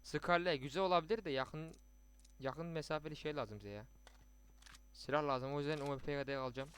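A young man commentating his mobile shooter match with teammates, chatty, muttering to himself and then bursting out excitedly. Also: on the high side, brisk, a little hiss or hum. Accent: Turkish. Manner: chatty, swings between muttering and excited outbursts. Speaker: gaming streamer. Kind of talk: live gameplay commentary with teammates.

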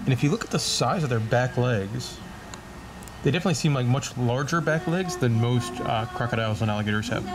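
A man casually narrating a walk through a zoo, pointing out animals in a relaxed, chatty way. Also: medium pitch, brisk. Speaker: zoo tour vlogger. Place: outdoor zoo walkways. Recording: outdoor noise around camera mic.

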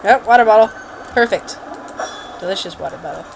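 A woman's voice: medium pitch, fairly quick, gravelly, a little hiss or hum, poor audio. A woman giving casual, jokey let's play commentary, exclaiming and muttering to herself as she plays.

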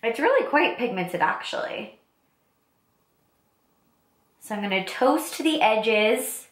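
A young woman vlogger with a slightly raspy, congested voice from a cold, chatting enthusiastically while doing her makeup at home. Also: a little high, expressive, slow. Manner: chatty, enthusiastic product talk. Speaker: beauty vlogger. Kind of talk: casual get-ready-with-me makeup talk. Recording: roomy echo.

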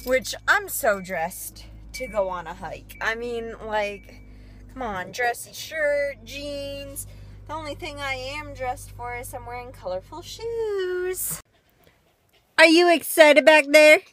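Young woman from Canada, vlogger, slightly high voice, rambling and chatty, unhurried. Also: expressive, fairly bright tone. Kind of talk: casual video diary.

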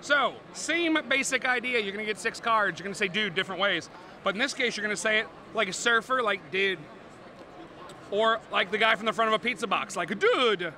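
Playful, bright-voiced man demoing games. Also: high voice, quick pace, slight background noise. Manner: playful, animated, jokey salesman. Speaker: board game publisher representative. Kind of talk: convention floor game demo. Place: busy convention hall.

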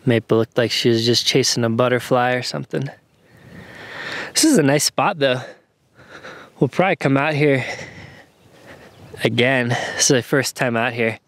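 A man in his thirties narrating a casual camping vlog outdoors, explaining his gear in a relaxed, easygoing way. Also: medium pitch, moderate pace, long pauses, dry recording. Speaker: camping vlogger. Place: outdoors at a mountain campsite.

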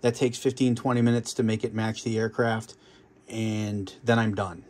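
A man's voice: on the low side, little pitch movement, moderate pace, darkish tone, slight background noise. Rambling man touring his sim cockpit. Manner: rambling, with many fillers and restarts. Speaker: flight sim hobbyist showing his home cockpit. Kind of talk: casual show-and-tell walkthrough.

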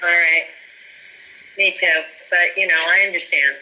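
Middle-aged woman, affectionate mom on a phone call, piercingly bright voice. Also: fairly low pitch, fairly even intonation, measured pace, a little hiss or hum. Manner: warm, reassuring, affectionate. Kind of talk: casual phone chat.

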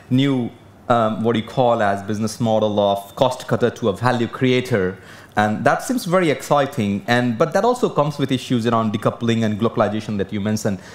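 A man moderating a conference panel, asking questions politely with some hesitation. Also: mid-range voice. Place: conference stage, indoors.

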